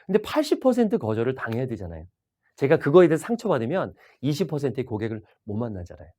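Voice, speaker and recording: Lively fast-talking male sales trainer. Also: mid-range voice. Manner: animated, asks the audience questions. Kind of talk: video lecture.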